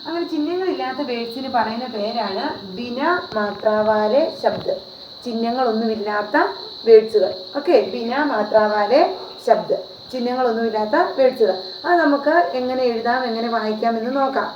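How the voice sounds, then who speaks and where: A woman's voice: fairly high pitch, moderate pace. A woman teaching a video lesson in a patient way, repeating points and asking the listeners questions. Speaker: Hindi teacher. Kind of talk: classroom-style video lesson. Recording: roomy, dull lo-fi with faint noise.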